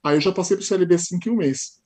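A man from Brazil with a São Paulo Portuguese accent, a podcast guest telling stories in a lively casual way with frequent tag questions. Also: high-pitched, fast, husky. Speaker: podcast guest, high school teacher. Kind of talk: casual interview storytelling.

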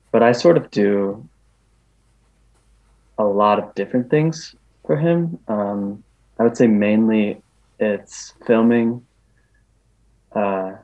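A man's voice: lowish voice, gravelly, a little mellow. A man speaking as an interview guest in casual talk, hesitant, with many ums and restarts. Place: New York. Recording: dull lo-fi recording.

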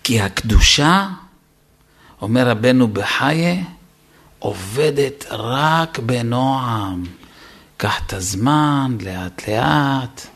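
A man's voice: medium pitch, animated, a bit bright. A man, a rabbi, giving an emphatic Torah lesson, repeating his words for stress and addressing his listeners directly. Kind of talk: sermon.

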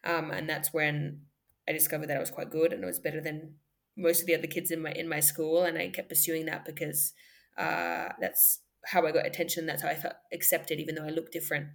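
A woman's voice: sits low, flat delivery, brisk, vocal fry. A young adult woman who grew up in Australia, a former sprinter talking as a podcast guest, thoughtful and full of ums and restarts. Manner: thoughtful, frequent ums and restarts, light laughter. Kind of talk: reflective conversational interview.

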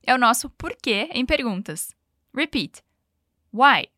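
Brief: higher-voiced woman, podcast English teacher, patient drill pacing, dry close sound. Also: expressive, bright, forceful tone, no echo. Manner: patient, coaching, slows down for model phrases. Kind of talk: podcast language lesson.

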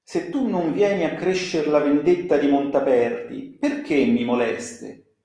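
A man reading the lines of a bitter male traitor's soul frozen in ice, with grudging, snarling refusals in slow verse. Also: fairly high pitch, dark tone, voice pushed up. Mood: resentful. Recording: very echoey room.

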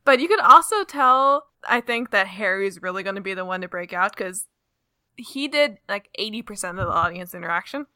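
A woman's voice: medium pitch, lively intonation, brisk, pushed and bright, no echo. Young female co-host, gushing casual storyteller, dry close mic. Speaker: podcast co-host. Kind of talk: casual chat.

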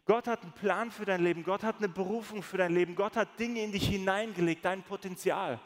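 A man preaching as a pastor, telling stories with lively acted-out quotes. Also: sits high, fairly quick. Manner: storytelling, animated, acts out quoted voices. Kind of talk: sermon. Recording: long reverb of a large hall.

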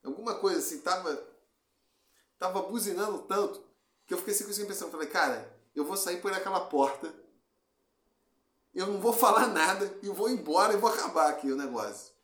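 A man's voice: high-pitched, lively intonation, a little fast, a bit bright, reverberant. A man co-hosting a casual podcast chat, talking bluntly and swearing often, with frequent restarts. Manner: blunt and profane, many restarts. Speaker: podcast co-host.

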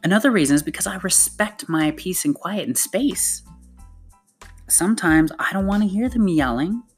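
A woman's voice: lowish voice, animated, moderate pace, breathy edge, soft background music. A mother talking casually and earnestly about healing and parenting, often restarting her sentences. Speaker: mother giving self-help advice. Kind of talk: casual motivational talk.

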